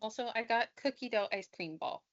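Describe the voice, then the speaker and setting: A woman's voice: a little high, a little fast, a bit bright, no room sound, muffled recording. A woman in her twenties co-hosting and editing a podcast, blunt and teasing, swearing casually. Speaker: podcast co-host and editor. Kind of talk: casual chat.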